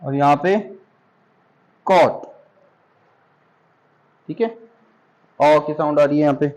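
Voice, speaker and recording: A man's voice: on the high side, takes it slowly, a little mellow, dull audio. A middle-aged man from India teaching a spoken English class, patiently stretching out example words and calling his students "beta".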